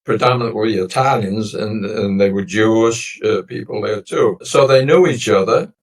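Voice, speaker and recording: Heard from some distance away from the microphone, a lowish-voiced man from the United States in his nineties tells his family's history as an interview guest. Sicilian dialect was his first language, and he wanders slowly through the story, reflective and pausing often.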